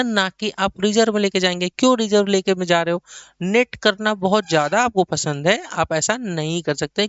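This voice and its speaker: A man's voice: a little high, a bit bright, clear, resonant tone, no room sound, muffled recording. A man teaching an accounting lecture in a chatty way, talking to students as kids and acting out their questions himself. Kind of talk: online lecture.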